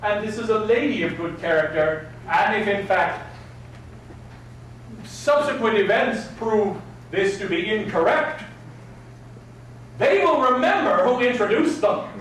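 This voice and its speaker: A man's voice: sits high, lively intonation, unhurried, pauses often, fairly bright tone. A man teaching an etiquette class live, speaking with prim, precise enunciation and formal, old-fashioned politeness. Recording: very echoey room, distant mic, faint noise.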